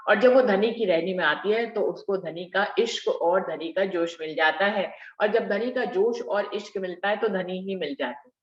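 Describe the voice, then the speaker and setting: A woman leading a devotional scripture discussion, explaining verses slowly and repeating key phrases for emphasis. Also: medium pitch, roomy sound, dull audio. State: slightly unwell. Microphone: video call.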